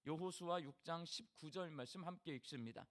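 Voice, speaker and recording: A man's voice: a little high, brisk, a bit bright. A middle-aged male pastor with a Jeolla Korean accent, preaching a sermon in a folksy way and putting questions to the congregation. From Jeolla region of Korea.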